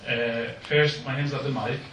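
A man from Jordan gives a public speech at a meeting in an echoey hall, speaking earnest, halting non-native English. His voice is medium-pitched and steady, recorded far from the mic with background noise.

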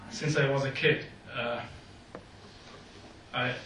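An earnest speaker from Jordan gives a public speech in an echoey meeting hall, using halting, non-native English. His mid-range voice is bright and forceful, with fairly even intonation. The mic is distant and there's a little hiss or hum.

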